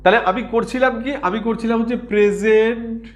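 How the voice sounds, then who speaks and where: High-voiced patient male teacher. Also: fairly even intonation, moderate pace. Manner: patient, repeats words and asks if students understand. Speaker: grammar teacher. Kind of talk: explanatory lesson.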